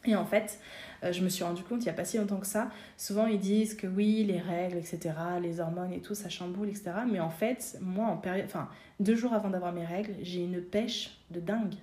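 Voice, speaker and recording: A woman's voice: fairly low pitch, steady tone, a little fast, mellow, reverberant. A woman guest in a casual interview, explaining her craft with many fillers and restarts. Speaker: guest, seamstress and designer.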